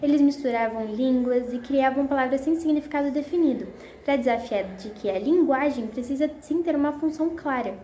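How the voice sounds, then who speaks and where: A woman's voice: sits high, brisk, hardly any pauses, dark tone, lo-fi sound. A young woman reading a prepared school presentation in a slightly awkward way. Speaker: student presenter. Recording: echoey room, faint noise.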